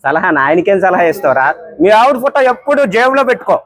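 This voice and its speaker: A man bantering and teasing people at a tea stall, joking and exclaiming loudly. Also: high-pitched, sing-song, fast, dry recording. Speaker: vlogger. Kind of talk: playful street banter.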